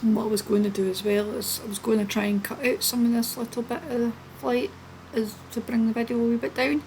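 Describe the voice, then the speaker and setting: A woman hosting a flight video with casual, chatty, relaxed running commentary. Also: on the high side, fast talker, low-quality recording. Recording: steady background noise behind the voice.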